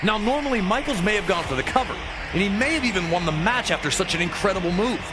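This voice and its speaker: A wrestling commentator delivers scripted, documentary-style sports narration with dramatic storytelling flair. His voice is high and expressive, and he talks fast over loud background music that makes the recording very noisy.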